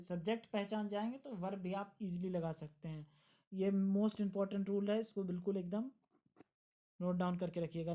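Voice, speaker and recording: A woman with an Indian accent teaching an online grammar lesson for exam students. Her voice is mellow and warm, and her pitch sits in a middle range. She explains each rule patiently and repeats the key examples. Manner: explains step by step, repeats key words, mixes English terms into Hindi.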